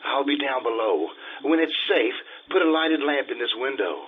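A man's voice: mid-range voice, expressive, normal speed, slight background noise, natural voice. Man playing Casanova, vain romantic, tinny sound. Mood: ardent. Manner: theatrical, self-important. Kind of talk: old-time radio drama acting and narration. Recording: tinny radio-play recording, music behind.

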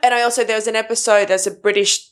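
A woman's voice: on the high side, level tone, fast talker, crowd noise. A woman chatting and joking as a guest on a podcast. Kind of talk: casual chat.

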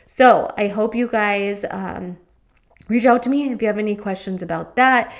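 A woman's voice: mid-range voice, normal speed. A young adult woman hosting her own podcast, talking in a chatty, rambling, upbeat way into a studio mic. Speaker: podcast host and fitness coach. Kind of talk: casual podcast chat.

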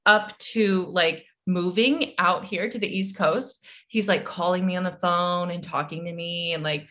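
A woman's voice: lowish voice, measured pace, fairly bright tone. A woman, telling a story in casual chat as a podcast co-host, full of fillers and swearing.

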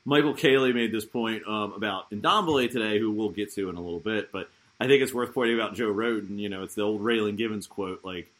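A man's voice: on the low side, fast, hardly any pauses, a bit bright. A man with a Baltimore accent hosting a casual sports podcast panel in a wry, joking manner. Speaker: podcast host.

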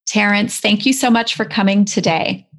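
An enthusiastic woman in her forties hosts a podcast interview. She talks at a mid pitch, effusive and warm in her words, and welcomes her guest with eager energy. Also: fairly even intonation, normal speed. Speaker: podcast host and executive coach.

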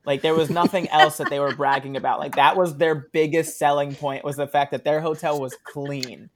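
A man's voice: fairly high pitch, moderate pace. A man, a sketch comedian, chatting casually as an interview guest, laughing often as he tells stories. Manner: laughs often, relaxed storytelling with fillers.

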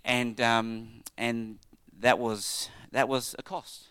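An Australian man giving an informal church tribute in a halting, conversational way, often checking in with his listeners. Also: mid-range voice, little pitch movement, pushed and bright, clean tone.

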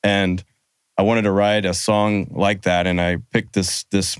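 A man's voice: deep voice, level tone, a little slow, smooth, no room sound. A man in his fifties telling a rambling story as a guest, with laughs and put-on Southern quotes. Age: 50s. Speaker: musician guest. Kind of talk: casual storytelling.

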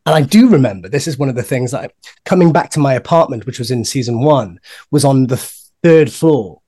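A man's voice: mid-range voice, animated, a little fast, mellow. A man co-hosting a podcast, telling long rambling anecdotes in casual chat. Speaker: podcast co-host.

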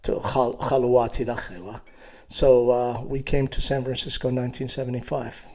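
A man in his sixties from Iraq, telling his life story in an interview with a hesitant, halting manner and many fillers. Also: mid-range voice, fairly even intonation, darkish tone. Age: 60s. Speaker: guest.

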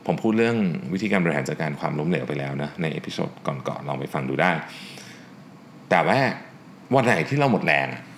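A man with a very low voice hosts a solo podcast talk. He speaks earnestly and stresses his points by saying them twice. Faint noise sits under the recording. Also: lively intonation, brisk, a bit bright. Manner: earnest, emphatic, repeats key points. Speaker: podcast host.

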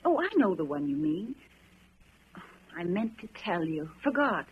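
A woman's voice: lowish voice, very animated, a little slow, breathy edge, heavily acted. A woman playing a vague, indifferent, forgetful wife in a radio drama, speaking in an offhand way. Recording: slightly dull radio drama recording.

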